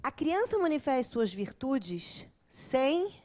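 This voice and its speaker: High-voiced woman teaching a class. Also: slow pace. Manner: lively, acts out children and mothers. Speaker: teacher of a psychology course. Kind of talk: lecture to a class.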